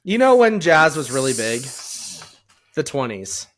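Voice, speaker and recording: A man's voice: fairly high pitch, sing-song, unhurried, a bit bright, soft background music. A man co-hosting a podcast in casual comedic chat, joking as a mock debater. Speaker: podcast co-host.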